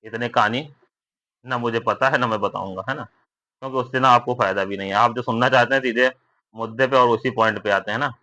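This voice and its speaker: A young vlogger gives viewers an informal recruitment update, chatting casually and often seeking agreement with tag questions. His medium-pitched voice is steady, a little fast, bright, and forceful. The recording sounds dull and lo-fi.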